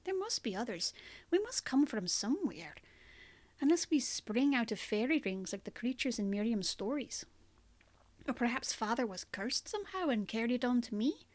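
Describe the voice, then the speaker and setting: A curious, playful young woman, voiced by a woman narrator, pitched slightly high. She muses openly and wonders out loud in a storybook telling. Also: big pitch swings, normal speed. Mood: wondering. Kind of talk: audiobook character reading.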